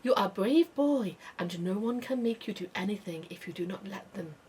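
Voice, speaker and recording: A woman voicing a kind, gentle female spider who speaks in halting broken English, in a storybook reading. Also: mid-range voice, lively intonation, a little hiss or hum, close to an everyday voice. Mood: tender.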